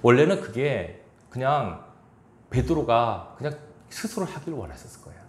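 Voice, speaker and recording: A man's voice: mid-range voice, big pitch swings, normal speed, reverberant, slight background noise. A man pastor preaching a sermon in a church, chuckling now and then and acting out quoted lines. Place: church sanctuary.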